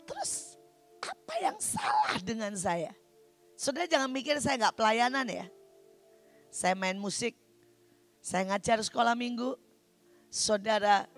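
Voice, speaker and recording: Woman preacher, mid-pitched and gravelly, quiet-to-loud sermon delivery, soft music underneath. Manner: addresses congregation often, swings from quiet to loud. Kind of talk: sermon testimony.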